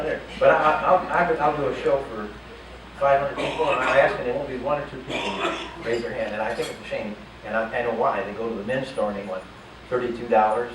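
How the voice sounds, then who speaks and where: An older man performing as a stage magician in a casino showroom, keeping up jokey, chatty banter with volunteers from the audience. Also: mid-range voice. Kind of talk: live magic show patter. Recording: echoey, distant, noisy live room.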